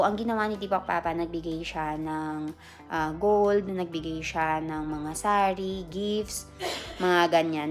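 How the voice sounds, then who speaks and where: A woman vlogger casually explaining a family custom, chatty, with fillers and self-corrections. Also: lowish voice. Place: busy event hall with a crowd and music.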